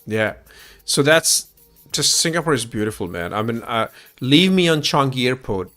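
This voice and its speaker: A man's voice: medium pitch, animated, moderate pace, sharp tone, soft background music. A man with an Indian accent hosting a call-in livestream, talking enthusiastically in casual chat with frequent restarts.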